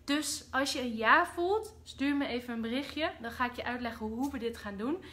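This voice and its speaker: A Dutch woman hosting a casual spiritual livestream, expressive, with loud outbursts and soft whispers, mixing in English phrases. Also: high-pitched, moderate pace, a little hiss or hum. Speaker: livestream host.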